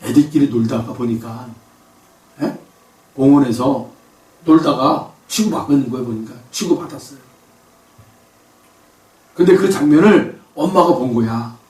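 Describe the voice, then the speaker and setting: A man's voice: mid-range voice, a little slow, pauses often, a little mellow. A male pastor preaching a sermon, emphatic, with rhetorical questions and bursts of raised voice. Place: church sanctuary. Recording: echoey church hall from far off.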